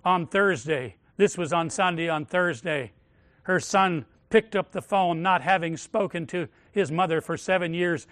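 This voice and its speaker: Man, pastor, high voice, dry close sound, sermon, declaring and praying, swings loud to hushed. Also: a little slow, dry recording.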